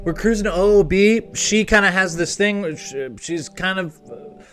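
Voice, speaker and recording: A man telling a crude, rambling comic story with excitable energy and lots of asides. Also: high-pitched, moderate pace, soft background music. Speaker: comedy vlogger.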